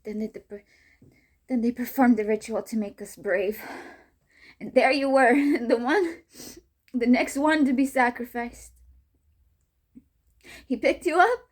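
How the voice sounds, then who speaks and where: A woman's voice: mid-range voice, steady tone, moderate pace, mellow, slightly rough, close to an everyday voice. A woman performing a monologue as a young mother, a former child soldier, grieving her baby, tearful and often dropping to a whisper. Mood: hushed. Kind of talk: dramatic monologue rehearsal.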